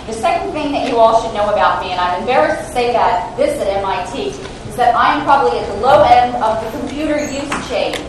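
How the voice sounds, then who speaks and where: A woman, a guest lecturer and lab scientist, gives an academic talk into a handheld mic in a large lecture hall, sounding self-deprecating and hesitant with many fillers. Her voice is a little high and animated, a little fast with few pauses. The hall is echoey, the mic is far off, and there's a slight hiss or hum.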